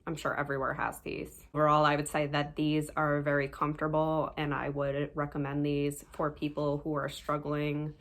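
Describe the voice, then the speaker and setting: Low gravelly-voiced woman beauty vlogger. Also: completely flat delivery, normal speed, hardly any pauses, fairly bright tone. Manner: chatty, recommending products to viewers. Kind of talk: casual product review.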